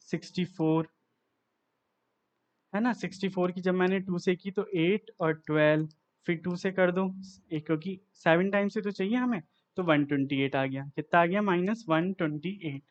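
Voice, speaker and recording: A man's voice: high voice, muffled recording. A man teaching a maths lesson, working through sums aloud step by step and asking himself each next step.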